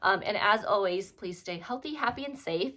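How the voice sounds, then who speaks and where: A woman's voice: medium pitch, animated, moderate pace, bright, forceful tone. A woman vlogger giving a casual product review, chatty and friendly with many fillers, sounding slightly out of breath.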